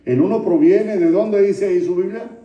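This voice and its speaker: A male pastor speaks in a high, dark-toned voice at normal speed, questioning his congregation and echoing back their answers in an interactive sermon with congregation reading at an evening church vigil. The muffled recording comes from a distant mic in an echoey church, with noise in the background.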